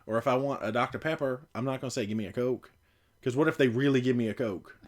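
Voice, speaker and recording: An American man hosting a casual livestream, reading out viewer comments in an animated, joking way. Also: quick pace. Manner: animated, playful, jumps in pitch when joking. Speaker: livestream host.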